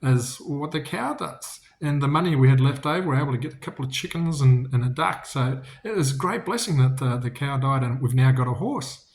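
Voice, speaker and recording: A man voicing a farmer in a retold parable, talking in an emphatic, excitable way. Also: medium pitch, brisk, hardly any pauses, natural voice. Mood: excited. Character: excitable male farmer, quick to judge.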